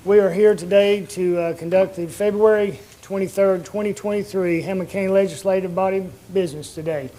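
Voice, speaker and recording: High-pitched man chairing a meeting. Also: fairly even intonation, brisk, hardly any pauses, mellow, rough recording. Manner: polite, procedural. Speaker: commission chairman. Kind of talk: formal meeting procedure. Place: indoor public meeting room.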